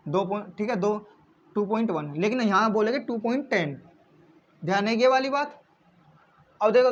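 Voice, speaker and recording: A male maths teacher explaining step by step, asking questions and answering them himself, repeating key points and calling his viewers friends. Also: very high voice. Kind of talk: classroom-style maths explanation. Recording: slightly dull lo-fi recording.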